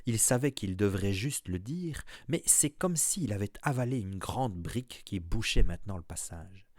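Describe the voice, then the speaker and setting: A man narrating a fantasy story in a steady, measured reading. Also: on the low side, dry recording, studio quality. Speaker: audiobook reader.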